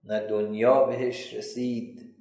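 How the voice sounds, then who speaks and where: A man preaching a sermon as dramatic storytelling, swinging between hushed lines and loud, raised ones. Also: medium pitch, flat delivery. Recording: echoey room.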